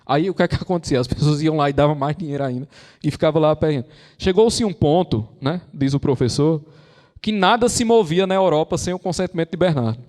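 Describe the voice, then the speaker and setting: A man's voice: on the high side, animated, fast, a little mellow. A man with a Brazilian Portuguese accent giving a lecture, telling stories conversationally and acting out the quotes. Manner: conversational storyteller, acts out quotes. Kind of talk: lecture on intellectual and moral formation. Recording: long hall reverb.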